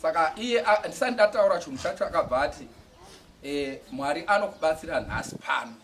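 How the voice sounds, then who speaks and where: A man giving a church testimony, speaking haltingly and with feeling, often restarting words. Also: on the high side, lively intonation, a bit bright. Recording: distant mic with faint outdoor noise.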